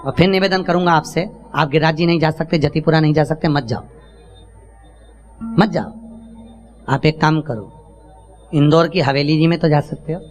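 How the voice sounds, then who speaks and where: A man's voice: a little high, normal speed, long pauses, faint music behind. A man giving a devotional sermon, emphatic, calling out questions to his listeners. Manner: emphatic, calls out to the audience. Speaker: preacher telling a scripture story.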